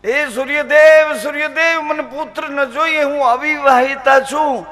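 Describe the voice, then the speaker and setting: A man's voice: sits high, expressive, unhurried, fairly bright tone. A man voicing a young maiden from a sacred tale, pleading and crying out to a god. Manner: pleading, cries out repeatedly.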